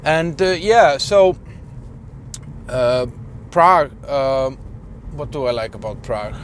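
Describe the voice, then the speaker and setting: A man's voice: mid-range voice, slow, slight background noise. A man from Iceland talking casually in a vlog, rambling with many fillers and restarts, sitting in a car. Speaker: vlogger.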